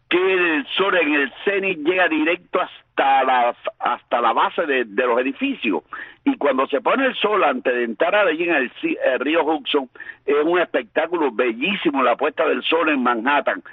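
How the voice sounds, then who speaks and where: A man giving a conversational radio weather report, explaining informally and haltingly with repeated phrases. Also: medium pitch, husky, no echo, narrow, tinny audio. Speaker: radio meteorologist. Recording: music behind the voice. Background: background music.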